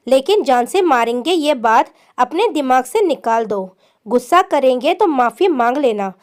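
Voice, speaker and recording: A woman gives voice to a decent young man in a narrated story who lectures a runaway girl earnestly about her parents. The voice stays high and is read with a preachy warmth.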